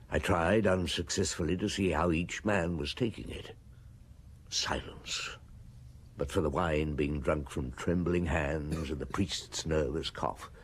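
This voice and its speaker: A man acting a shrewd, commanding middle-aged French police inspector in a radio drama, reasoning and narrating deliberately with a husky voice. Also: low-pitched, heavily acted. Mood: hushed, tense.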